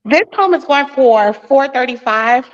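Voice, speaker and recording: A woman's voice: sits high, lively intonation, measured pace, highs cut off. A woman real estate agent giving a walking tour of a house, chatty and a little nervous, slightly out of breath. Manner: chatty, nervous, laughs often.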